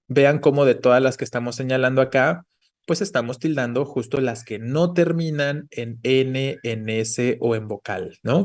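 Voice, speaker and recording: A man's voice: mid-range voice, a little mellow. A man teaching an online class, explaining patiently and checking in with the students often. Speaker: Spanish teacher.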